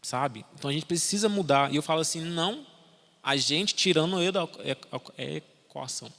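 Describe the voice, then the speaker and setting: Young male preacher, gravelly and bright, emphatic sermon delivery, long reverb in a church hall. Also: moderate pace. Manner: emphatic, rises in pitch to exhort, drops low to drive points home.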